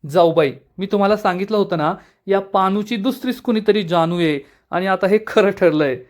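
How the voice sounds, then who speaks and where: A man's voice: high voice, normal speed, close to an everyday voice. A man voicing a tearful, melodramatic young wife.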